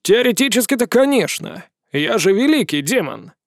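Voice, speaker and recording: A man voicing an excitable male demon servant who talks eagerly and fawns on his master. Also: high voice, moderate pace, no echo, studio quality, voice pushed up. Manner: eager, storytelling, fawning.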